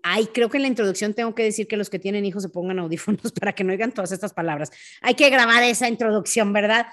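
A woman's voice: mid-range voice, fast talker. Chatty Mexican woman telling a story. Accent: Mexican Spanish. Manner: animated retelling with sound effects and asides. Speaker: podcast host. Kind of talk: casual storytelling monologue.

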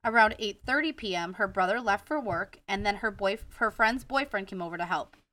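This co-host of a casual true-crime podcast speaks with a Wisconsin accent, working through the case from her notes and laughing at herself when she stumbles on names. Her mid-range voice is animated and a little fast, with a sharp tone. The recording is dry and taken from a distance.

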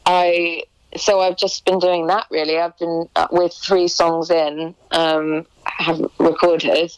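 A woman's voice: lowish voice, flat delivery, slow pace, smooth, no room sound, poor audio. A young woman musician chatting in an interview, hesitant, with many restarts and ums. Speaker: musician guest. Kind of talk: casual interview chat.

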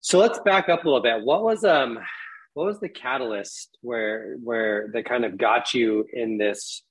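A man's voice: mid-range voice, a little slow, slightly rough, rough recording. A man hosting a podcast, asking casual, hedging questions with "kind of" and "um". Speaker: podcast host. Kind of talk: interviewing a guest.

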